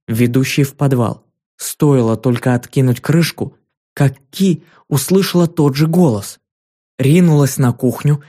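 A man reading a children's fantasy audiobook in measured, scripted narration. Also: mid-range voice, mellow.

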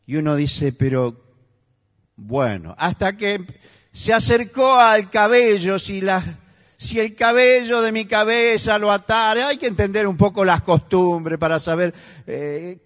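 In a long, echoing reverb like that of a large church hall, a male pastor with a Rioplatense Spanish accent preaches an emphatic sermon. His high voice rises until it nearly becomes shouting.

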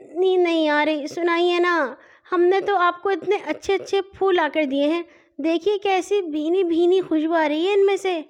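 A woman's voice: very high-pitched, fairly even intonation, muffled recording, pitched above the performer's own voice. A woman voicing a playful, stubborn little girl who coaxes and pleads in a storybook tale. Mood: pleading. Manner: coaxing, childlike pleading.

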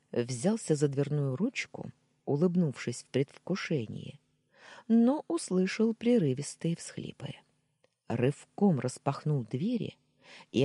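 An audiobook narrator reading a novel in the first person with measured storytelling. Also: mid-range voice, dark tone, husky, no echo.

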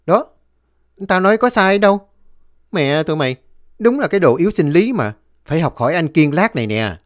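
A man voicing a drunk, boastful young village man who talks loud and cocky. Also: on the high side, very animated, a little fast, no echo, clean studio sound, pitched above the performer's own voice. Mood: cocky boasting.

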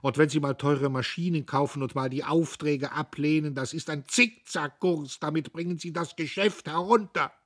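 A man playing an old, bitter foreman, pleading and reproachful, his voice pushed up high and strained. It carries a husky grain, in the manner of a storybook reading. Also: moderate pace, hardly any pauses, fairly bright tone. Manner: pleading and reproachful, rising to shrill anger.

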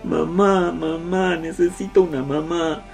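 A man's voice: mid-range voice, moderate pace, soft background music, close to an everyday voice. A man voicing a tiny, lonely baby bird looking for its mother in a children's story. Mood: crying. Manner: pleading, tearful.

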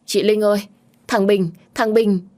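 A woman's voice: medium pitch, a little fast, darkish tone, pitched above the performer's own voice, close to an everyday voice. Woman doing a panicked little sister. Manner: breathless, stumbling panicked speech.

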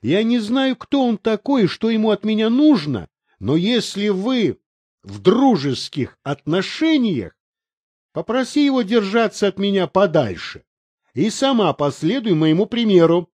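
A man voicing a tired, calm writer. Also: sits high, measured pace, husky, no room sound, full character voice. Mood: firm. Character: weary adult male writer, calm and stubborn. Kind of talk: audiobook character reading.

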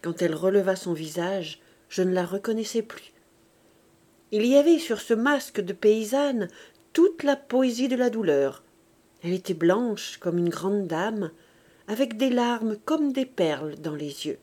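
A woman narrating an audiobook in a measured, expressive way. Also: mid-range voice. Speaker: audiobook reader.

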